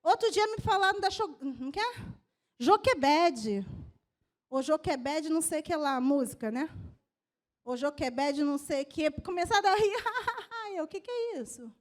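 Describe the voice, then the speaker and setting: A woman pastor with a Brazilian Portuguese accent preaching a sermon in a conversational way, with a slightly strained voice, moving from soft asides to loud exhortation. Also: sits high, animated, moderate pace.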